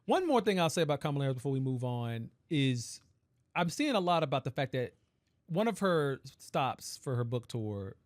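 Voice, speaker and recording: A man's voice: medium pitch, sing-song, moderate pace, no room sound. Conversational man podcaster, dry sound. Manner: conversational, hedging, builds long arguments. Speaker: podcast co-host. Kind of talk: casual political chat.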